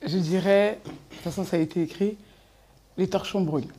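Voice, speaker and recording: A woman's voice: on the low side, steady tone, normal speed, warm tone, slight background noise. A woman interview guest answering in short, firm statements.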